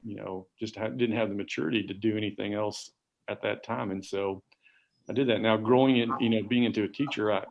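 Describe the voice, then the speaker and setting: A man's voice: on the low side, fairly even intonation, a little fast, creaky, highs cut off, a little hiss or hum. A man in his forties, an assistant principal, telling rambling, self-deprecating stories on a casual podcast with plenty of fillers. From Garland, Texas.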